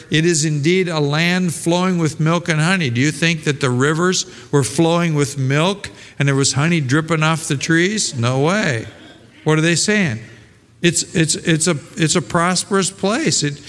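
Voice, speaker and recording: A man's voice: a little high, fairly bright tone. A male pastor preaching a sermon in a conversational way, full of rhetorical questions and restarts. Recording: long hall reverb.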